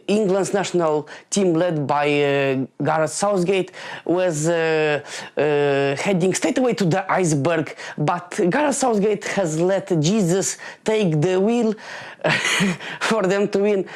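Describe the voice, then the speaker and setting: A man in his late twenties from Moldova, delivering a halting stand-up comedy monologue full of fillers and restarts. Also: sits high.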